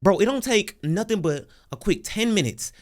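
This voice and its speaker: A man giving casual live reaction commentary, with loud, animated interjections. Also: high-pitched, moderate pace. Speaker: reaction streamer.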